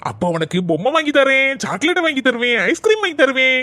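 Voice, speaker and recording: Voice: high-pitched, very animated, fast talker, bright, forceful tone, dry recording, exaggerated voice. A performer voicing a doting father in a cartoon, with a Tirunelveli-Kanyakumari Tamil accent, coaxing his little daughter and stern with his son.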